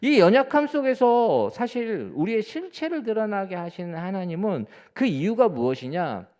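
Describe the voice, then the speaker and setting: At a moderate pace and with big pitch swings, a male pastor delivers an earnest sermon in a room with a big sound. Addressing the congregation directly, he repeats words for emphasis, climbing to emphatic peaks before settling into soft, low phrase endings.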